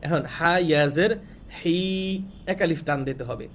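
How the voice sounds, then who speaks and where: A man teaching Quran reading, asking questions and answering them himself, repeating each rule slowly so it can be memorized. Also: fairly high pitch, a bit bright, a little hiss or hum. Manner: draws out sounds when showing long vowels. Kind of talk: slow classroom-style recitation lesson.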